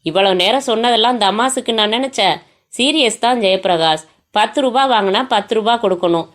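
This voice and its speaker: A woman voicing a menacing male kidnapper who speaks in a cold, measured, taunting way on the phone. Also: fairly high pitch, fairly bright tone, lightly acted.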